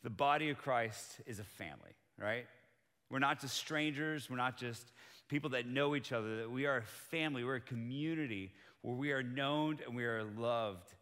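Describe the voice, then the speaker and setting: A man preaching a sermon as pastor, earnest and building to excited emphasis, who grew up in Colombia. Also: medium pitch, moderate pace, in a large hall.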